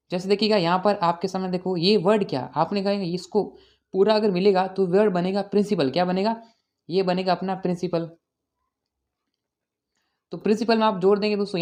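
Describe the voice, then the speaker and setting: Man as an online tutor walking through an exam paper, repetitive, asks himself questions and answers them. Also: high-pitched. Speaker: teacher. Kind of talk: exam-prep video lesson.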